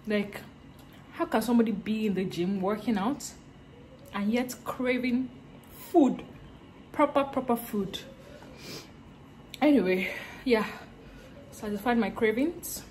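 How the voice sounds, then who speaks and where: A woman's voice: a little high, darkish tone, a little hiss or hum. A woman in her twenties with a Nigerian accent, chatting casually to camera in a playful, talkative vlog. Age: 20s. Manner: chatty, playful, with quick laughs. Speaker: vlogger.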